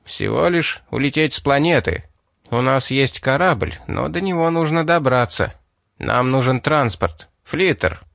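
A man's voice: mid-range voice, lively intonation, measured pace, gravelly, a bit bright, no room sound, clean studio sound. A man reading the part of a cold, scheming outlaw leader who bargains in a curt, businesslike way.

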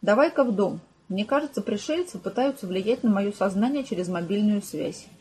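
A woman reading an audiobook, voicing a cheerful, eccentric elderly mother who talks in a chirpy, brisk way. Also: medium pitch, animated, darkish tone, slightly rough. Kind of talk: audiobook character voice.

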